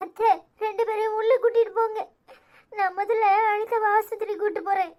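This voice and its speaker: Frantic young cartoon village woman voiced by a woman, very high, urgent and tearful, Tirunelveli Tamil accent. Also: fairly even intonation, brisk, a little mellow. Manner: urgent, tearful, giving orders.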